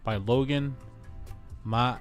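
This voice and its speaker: A man's voice: mid-range voice, slow, faint music behind. Chatty joking livestream host, a man. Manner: joking, chatty, slangy, reads comments aloud. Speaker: real estate agent and livestream host. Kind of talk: casual livestream reacting to comments.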